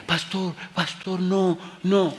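A woman's voice: lowish voice, level tone, takes it slowly, big-room sound, voice pushed up. A man voicing a worried middle-aged woman, the mother of a young man, who pleads with insistence and fret. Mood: pleading.

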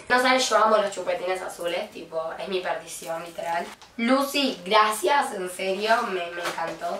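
A young woman from Argentina with an Argentine accent, gushing excitedly as she opens gifts in a vlog. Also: mid-range voice, roomy sound, recorded from a distance, a little hiss or hum. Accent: Argentine Spanish. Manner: gushing, excitable, with frequent squeals. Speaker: vlogger. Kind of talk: unboxing vlog.

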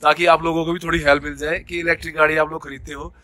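A man's voice: on the high side, little pitch movement, very fast, bright, forceful tone, dry recording. Chatty man vlogging on a mountain road. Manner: chatty, easygoing, says "bhai" often. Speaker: travel vlogger. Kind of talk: casual vlog talk. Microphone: phone held at arm's length. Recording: faint outdoor noise.

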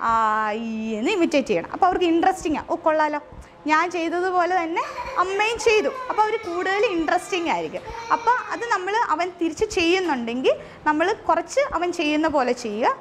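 Quick, high-voiced woman teaching parents. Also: a bit bright, a little hiss or hum. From India. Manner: explains with everyday examples and mimicked sounds; mixes English terms into speech. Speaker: therapist giving a parent class. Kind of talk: informal lecture to parents.

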